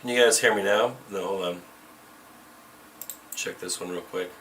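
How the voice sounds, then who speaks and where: A deep-voiced man hosts a casual trading stream at a moderate pace, his fairly bright tone captured by a distant, tinny camera mic with slight background noise. The tin-can sound frames his blunt, profane talk and frequent sentence restarts.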